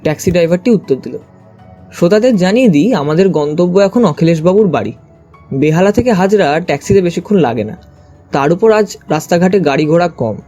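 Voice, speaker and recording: A male actor with a high-pitched voice plays a detective's curious companion, narrating the story in the first person with expressive storytelling. Music plays beneath his voice.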